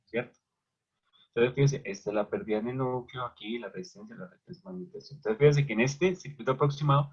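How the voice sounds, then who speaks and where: A man's voice: mid-range voice, fairly bright tone, husky. A man teaching an electrical machines class who keeps asking questions and answering them himself. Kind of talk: online lecture at a whiteboard. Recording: dull lo-fi recording.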